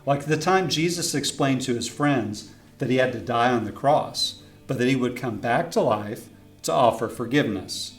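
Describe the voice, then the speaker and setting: At a moderate pace and medium pitch, this man narrates a children's book he authored, a warm storyteller who pauses to ask young listeners things. There's a roomy echo, plus soft guitar music behind him.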